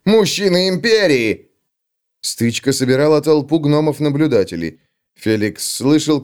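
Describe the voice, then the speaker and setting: Man narrating with a lively, animated delivery. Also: medium pitch. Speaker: audiobook narrator. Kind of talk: expressive scripted narration.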